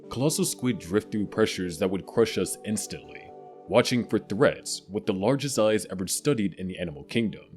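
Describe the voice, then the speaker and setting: A man narrating a scripted nature documentary in a dramatic, measured, explanatory way. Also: fairly low pitch, a little mellow. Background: music bed.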